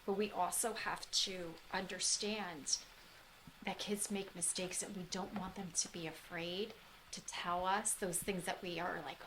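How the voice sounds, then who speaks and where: A woman's voice: fairly low pitch, steady tone, a little slow, a bit bright, a little hiss or hum, poor audio. A middle-aged woman who works in school mental health, speaking earnestly in a conversational interview and repeating phrases for emphasis.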